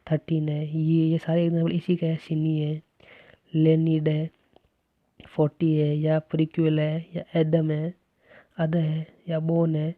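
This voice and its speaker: Lesson teacher, methodical explainer, flat delivery, thin phone-quality sound. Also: medium pitch, no echo. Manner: explains step by step with repeated "है ना" checks. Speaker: English teacher. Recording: dry, tinny phone-like recording.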